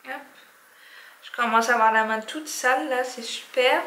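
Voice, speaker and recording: A woman chats through a makeup review in a casual, halting way, often pausing on fillers and starting phrases over. Her voice sits a little high and sounds bright and sharp. The recording has a noticeable echoey room sound. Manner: hesitant, many fillers and restarts. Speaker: beauty vlogger.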